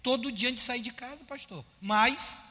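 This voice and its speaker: A man preaching a sermon as pastor, animated, firing rhetorical questions at his congregation and acting out his listeners' complaints. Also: very high-pitched, moderate pace, long reverb tail.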